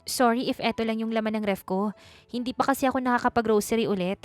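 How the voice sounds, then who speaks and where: A woman's voice: on the high side, fast, faint music behind, lightly acted. A woman voicing a timid young provincial schoolteacher who stammers and keeps apologizing in a storybook reading. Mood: earnest.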